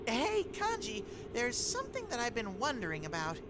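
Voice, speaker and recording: An actress playing an excitable, vain, boyish bear mascot in a video game, with a dramatic, childlike delivery. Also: female voice, a little high, normal speed, a crowd in the background. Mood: puzzled. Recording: loud background noise.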